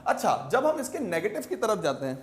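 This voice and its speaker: A man teaching an English grammar lesson, switching between Urdu and English and drawing out each English example slowly, word by word. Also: high-pitched, sing-song, slight background noise. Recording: echoey room.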